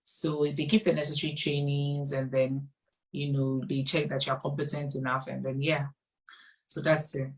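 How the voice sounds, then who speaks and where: A young woman with a Ghanaian accent speaks in a low voice, friendly and chatty, often laughing and repeating herself as she gets going. She sounds a bit far from the microphone. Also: level tone, normal speed. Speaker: guest, nurse. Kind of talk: casual interview.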